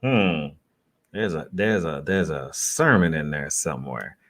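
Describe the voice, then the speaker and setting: A man's voice: very deep voice, expressive, a little slow, a bit bright. A man giving a casual, off-the-cuff reaction as a vlogger, talking in a loose, slangy, rambling way.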